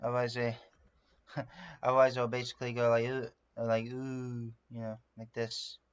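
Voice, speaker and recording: A man's voice: medium pitch, completely flat delivery, brisk, clear, resonant tone, muffled recording. A man from France, a native French speaker, chatting casually on a livestream as he works on a drawing, rambling with lots of fillers and narrating what he does. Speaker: streamer. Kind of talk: casual live-stream chat while drawing.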